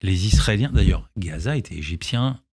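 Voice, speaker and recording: A deep, expressive voice with a darkish, slightly rough tone belongs to a middle-aged Israeli film director and actor raised in France. Speaking at normal speed on a recording with no room sound, he answers radio interview questions, often faltering and restarting before driving his point home firmly.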